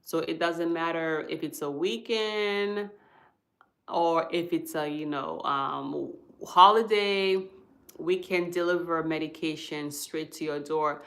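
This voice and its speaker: A Haitian hospice worker hosts a livestream on hospice care, explaining things patiently and checking in with viewers after each point. Her voice sits low and is a bit bright, and she speaks at a slow pace.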